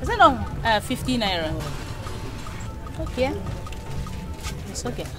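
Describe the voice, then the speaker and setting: Nigerian market shopper, brisk, lively pitch, music under. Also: female voice. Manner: brisk and dismissive. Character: woman shopping, brushing off gossip. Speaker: customer at a market stall.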